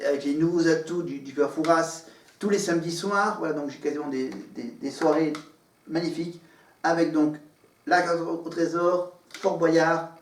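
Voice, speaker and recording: A man vlogging from his living room, talking to the camera in a meandering way with many fillers and restarts. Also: on the high side. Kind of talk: rambling casual monologue to camera. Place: living room at home, in front of a green screen. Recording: echoey room, far from the mic.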